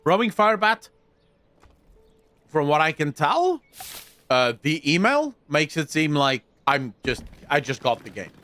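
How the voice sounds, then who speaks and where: A South African man streams a game, chatting casually with his viewers, reading and answering chat and swearing now and then. His voice sits a little high and sounds very animated, pushed and bright, at a measured pace with frequent pauses.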